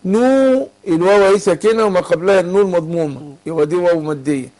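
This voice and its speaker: High-voiced Egyptian man teaching recitation. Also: steady tone, rapid-fire, darkish tone. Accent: Egyptian Arabic. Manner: patient, asks students to fill in words. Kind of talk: call-in tajweed lesson.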